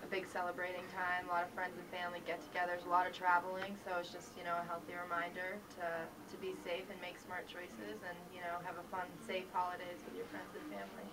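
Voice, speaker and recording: A woman's voice: lowish voice, steady tone, quick pace, hardly any pauses, far from the mic. A woman chatting casually and explaining things in an easygoing way as an athlete guest in an interview. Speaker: athlete guest on a radio show. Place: radio studio. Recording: off-mic sound with clear background noise.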